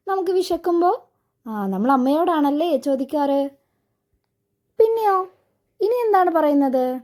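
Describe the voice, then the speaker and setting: A woman's voice: high-pitched, warm tone. A woman teaching an online class for young children. She talks in a patient, coaxing way, asks many questions and repeats words for the children to echo.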